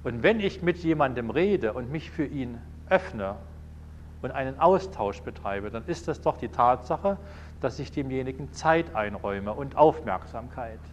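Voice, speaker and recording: A man's voice: mid-range voice, lively intonation, measured pace, a little hiss or hum. A man giving a sermon, telling anecdotes and acting out little dialogues in changing voices. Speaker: preacher.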